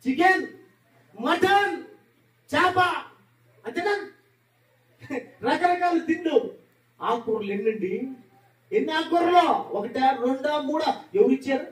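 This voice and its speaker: Impassioned high-voiced male preacher. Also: lively intonation, a little slow, long pauses. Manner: impassioned, rhetorical questions, bursts of shouting. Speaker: pastor. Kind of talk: sermon. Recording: echoey room, distant mic.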